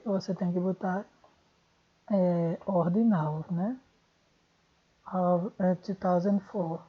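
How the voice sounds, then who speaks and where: A woman with a medium-pitched, slightly breathy voice and a Brazilian Portuguese accent teaches English online. She thinks aloud and corrects herself along the way, and the recording is dull and lo-fi.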